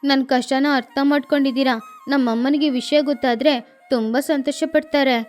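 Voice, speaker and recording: A woman voicing a sad, gentle young boy crow in a cartoon, speaking in an earnest, plaintive way. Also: high voice, fairly even intonation, normal speed, soft background music, close to an everyday voice. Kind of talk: cartoon voice acting.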